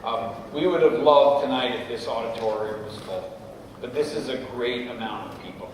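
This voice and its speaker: A man's voice: medium pitch, fairly even intonation, moderate pace. Man telling stories in an echoey hall. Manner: storytelling, often checks in with "right?". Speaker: guest speaker at a parents' session. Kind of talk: conversational talk to parents. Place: school auditorium. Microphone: distant room mic. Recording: echoey hall from far off, noisy.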